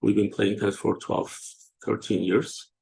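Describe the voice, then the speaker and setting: A man from Turkey, hosting a casual online discussion and talking haltingly with many fillers and restarts. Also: fairly low pitch, flat delivery, warm tone. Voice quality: gravelly, husky. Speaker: show host.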